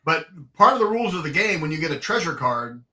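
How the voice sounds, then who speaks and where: Bright-voiced upbeat middle-aged man. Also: on the high side, very animated. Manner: upbeat, storytelling, quick agreement. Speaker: co-host. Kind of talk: casual hobby podcast chat.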